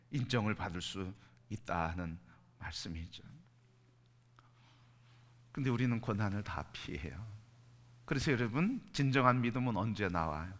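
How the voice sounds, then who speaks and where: A middle-aged man preaching a sermon as pastor. He asks the congregation questions and answers them, and he swells from quiet near-whispers to loud, emphatic peaks. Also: fairly low pitch.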